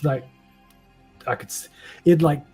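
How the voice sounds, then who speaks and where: Husky-voiced male player. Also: on the high side, unhurried, warm tone, soft background music. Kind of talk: tabletop role-play.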